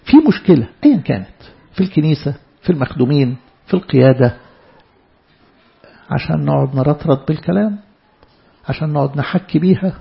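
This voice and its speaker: A man's voice: fairly high pitch, fast, creaky, pauses often, highs cut off. A man with an Egyptian accent preaching a sermon to church servants, emphatic, often repeating and stumbling over words. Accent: Egyptian Arabic.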